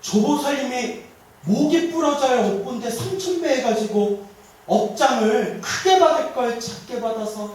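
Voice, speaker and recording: A man's voice: very high-pitched, animated, moderate pace. A man doing a startled, deferential attendant monk. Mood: astonished. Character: timid young male attendant monk. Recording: echoey hall, mic far off.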